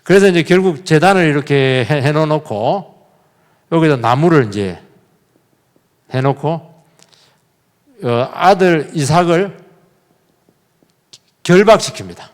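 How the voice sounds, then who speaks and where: A man's voice: fairly high pitch, takes it slowly, pauses often. A male pastor preaching a sermon in a church, telling the story vividly and putting questions straight to his congregation. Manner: lively, questions the congregation directly; animated storytelling with sudden emphatic bursts. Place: church sanctuary. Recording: long reverb of a church hall.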